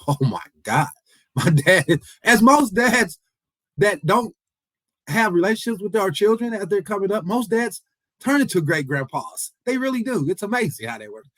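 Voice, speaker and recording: A man's voice: high voice, sing-song, moderate pace, fairly bright tone, no echo, poor audio. A man in his forties giving an earnest motivational speech, repeating his points and imploring the audience. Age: 40s. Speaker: motivational speaker. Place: event hall.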